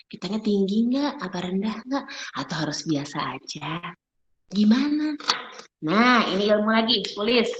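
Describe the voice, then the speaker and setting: Middle-aged lady lecturer, lively seminar talk, lots of questions to the crowd, echoey muffled hall sound. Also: medium pitch, slight background noise. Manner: animated, rhetorical questions to the audience. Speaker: public speaking lecturer. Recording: roomy, muffled hall recording.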